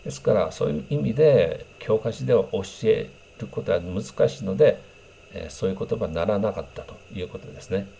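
A man teaching English phrases in a patient, explanatory way, pausing with fillers and repeating example sentences slowly. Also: fairly low pitch, vocal fry, mellow, husky. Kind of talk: explanatory language lesson.

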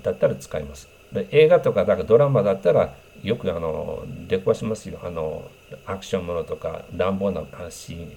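A man teaching English phrases in a patient, explanatory way, pausing with fillers and repeating example sentences slowly. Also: sits low, warm tone, breathy edge. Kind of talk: explanatory language lesson.

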